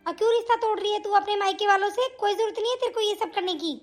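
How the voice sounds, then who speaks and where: Woman plays doting mother: coaxing, protective of daughter, high pitch over faint music. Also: quick pace. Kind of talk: animated family drama dubbing.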